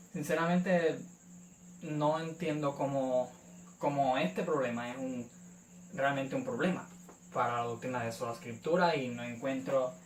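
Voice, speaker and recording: A young Puerto Rican man speaks in a measured way, with many hesitant "eh" fillers. His voice sits back from the microphone in a bare, echoing room. A faint hiss of background noise runs underneath. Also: mid-range voice, far from the mic. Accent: Puerto Rican Spanish. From Puerto Rico. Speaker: YouTube channel host. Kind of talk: apologetics response video.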